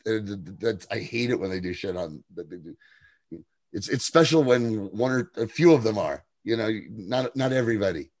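A man's voice: lowish voice, moderate pace, a little mellow, dry recording, studio quality. A man co-hosting a casual TV recap podcast, rambling with profane, laughing asides. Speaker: podcast co-host.

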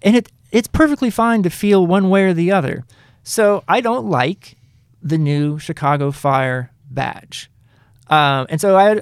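A man hosting a casual soccer talk show, animated and emphatic, often stopping and restarting his sentences. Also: a little high, gravelly, clean tone, no room sound, clean studio sound. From Kansas City area, United States. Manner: animated, emphatic, self-interrupting. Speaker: podcast host.

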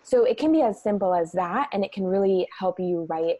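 Animated woman guest, dry close sound. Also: mid-range voice, fairly quick, dry recording. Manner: animated storyteller, laughs easily, says "like" a lot. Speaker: guest, messaging strategist. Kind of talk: casual interview chat.

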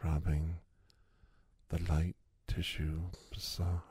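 A man speaking in an intimate roleplay style, soft and lingering, slipping between a low voice and a whisper. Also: little pitch movement, breathy edge, no room sound, studio quality. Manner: slow, soft, lingering delivery with long pauses.

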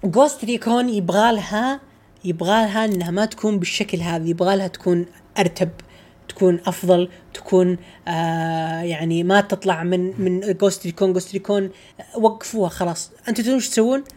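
A man's voice: sits high, fairly even intonation, a little fast, a little mellow. A man co-hosting a casual gaming chat, ranting in an exasperated, emphatic way. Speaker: gaming podcast co-host.

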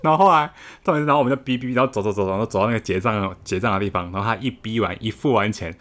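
A young man with a Taiwanese Mandarin accent, telling funny stories in casual chat, animated and laughing, restarting his sentences often. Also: fairly low pitch, racing. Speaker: guest storyteller.

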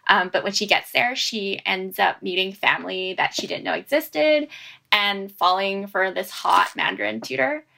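A woman's voice: mid-range voice, lively intonation, moderate pace, gravelly, sharp tone. A woman author on a panel, bubbly and peppered with ums. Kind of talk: casual panel discussion.

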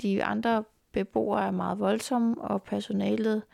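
Gravelly-voiced young woman telling her story. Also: mid-range voice, little pitch movement, darkish tone, dry recording, clean studio sound. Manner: earnest, halting retelling. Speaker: interviewee. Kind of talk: personal life story interview. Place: indoors at grandparents' home.

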